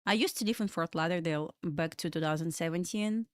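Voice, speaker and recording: A young Belarusian woman with a Russian accent hosts a live trading stream from a home room in Florida, her voice on the low side and fairly quick. She chats loosely and rambles, answering viewers' questions between market comments. The recording is dry and studio quality.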